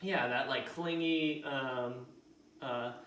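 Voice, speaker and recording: A man's voice: medium pitch, slow, a bit bright, slight background noise. A man hosting a whisky tasting, explaining flavors in a hesitant way full of ums and likes. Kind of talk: casual tasting chat. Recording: roomy sound from a distant mic.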